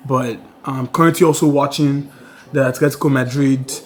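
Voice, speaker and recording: A man's voice: medium pitch, steady tone, moderate pace. A tired young man chatting casually to a handheld camera at home, full of "like"s as he tells a story. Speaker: vlogger. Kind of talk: casual vlog chat to camera.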